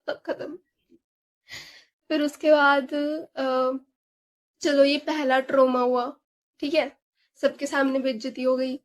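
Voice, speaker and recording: High-voiced young woman telling a story. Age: young adult. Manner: animated, mixes Hindi and English, many fillers. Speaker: vlogger. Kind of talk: casual storytelling vlog.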